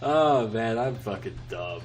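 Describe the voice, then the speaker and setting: A man's voice: lowish voice, animated, measured pace, music in the background. A man live-streaming a game, chatting casually with dry, joking banter and free swearing into a desk microphone. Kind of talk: casual live-stream chat while gaming.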